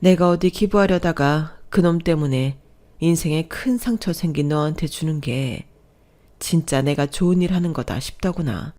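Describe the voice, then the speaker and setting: A woman's voice: low-pitched, normal speed, warm tone, natural voice. A woman voicing a stern, generous older mother-in-law in a radio story reading, firm and plain-spoken.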